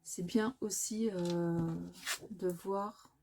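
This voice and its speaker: Woman crafting host, slow unhurried delivery, mellow tone, lots of hesitations, faint background hiss. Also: on the low side, steady tone. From France. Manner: hesitant, many filler sounds, self-correcting. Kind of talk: casual crafting demonstration.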